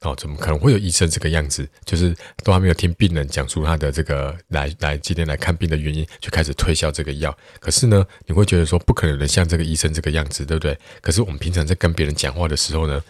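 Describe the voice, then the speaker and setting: Low husky man. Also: steady tone, rapid-fire, few pauses, dry recording, clean studio sound. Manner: chatty, with many fillers. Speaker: teacher and podcast host. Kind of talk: casual podcast talk.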